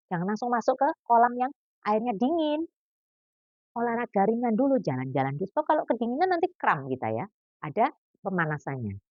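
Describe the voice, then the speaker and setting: A medium-pitched woman in her fifties, a doctor, offers pregnancy exercise advice in a lively, joking, chatty way with plenty of asides. The health talk is casual. The recording has no room sound but a dull, lo-fi quality.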